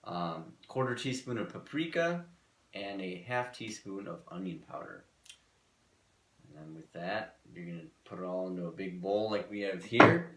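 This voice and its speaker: Man co-host, deep voice, dry teasing banter, cooking demo in an echoey kitchen. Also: expressive, normal speed, fairly bright tone. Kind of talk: casual cooking demo chat. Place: kitchen studio.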